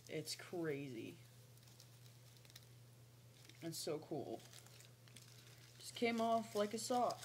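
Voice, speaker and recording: Low-pitched young woman, slow casual vlog chat. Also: sing-song. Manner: rambling, breaking off to coo at her pet. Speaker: pet snake owner vlogging. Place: small lamp-lit room at home. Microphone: webcam or laptop mic at arm's length. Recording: noisy home webcam audio.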